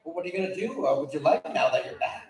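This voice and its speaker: A man with a high-pitched voice hosts a variety show on stage. His talk is casual and conversational. The sound is heavily reverberant, as in a live hall. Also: animated, fast, darkish tone.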